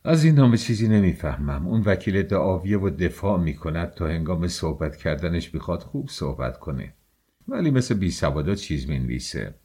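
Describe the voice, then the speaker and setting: A man's voice: sits low, sing-song, dark tone, breathy edge, voice pushed down, heavily acted. A man doing a bitter scornful young man.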